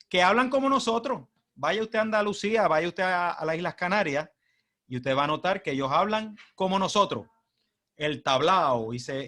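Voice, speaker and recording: A man's voice: a little high, a bit bright. A man from Puerto Rico with a Puerto Rican accent, giving a humorous, chatty presentation as a guest speaker and asking the audience rhetorical questions. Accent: Puerto Rican Spanish. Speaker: guest speaker at a club meeting. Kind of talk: informal presentation.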